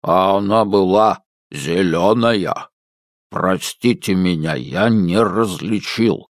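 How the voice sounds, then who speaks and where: A lumbering old household robot, put on by a male reader, speaks in a low, dragging, deadpan rumble. Earnest and faintly pompous. Dry, close recording. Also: no room sound. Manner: slow, flat, self-important.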